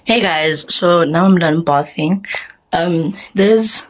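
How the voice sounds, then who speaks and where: A young woman from South Africa, talking to her camera in a casual vlog, chatty and rambling, with a husky, lowered morning voice. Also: takes it slowly, rough recording. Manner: chatty, rambling, self-mocking. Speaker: vlogger.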